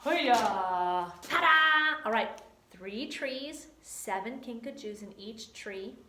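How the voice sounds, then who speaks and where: A woman's voice: a little high, slow, a bit bright, a little hiss or hum. A woman teacher giving a recorded homework lesson, chatty and playful with silly catchphrases. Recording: echoey room.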